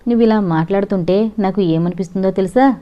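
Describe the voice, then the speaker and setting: A woman's voice: medium pitch, quick pace, natural voice. Woman reading a teasing young college girl. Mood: longing. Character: young female college student, playful and teasing. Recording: dull lo-fi recording.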